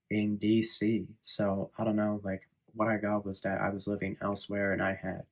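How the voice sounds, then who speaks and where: Low-voiced man rambling through a reading. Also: rough recording. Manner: rambling, filler-heavy storytelling. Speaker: tarot reader. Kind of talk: casual spoken tarot reading.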